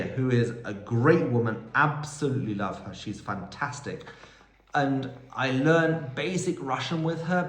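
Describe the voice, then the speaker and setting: Male host, casual Q&A monologue, chatty storyteller, phone audio with room echo. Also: medium pitch. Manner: chatty, rambling storytelling with quoted dialogue. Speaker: vlog host answering viewer questions. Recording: roomy echo.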